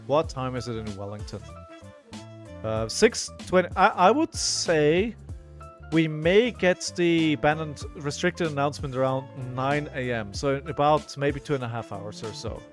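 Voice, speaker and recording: A hoarse man on a headset mic, casually commenting on a live card game while he plays, halting and repeating words as he thinks aloud. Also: on the high side, animated, faint music behind. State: hoarse, coughing.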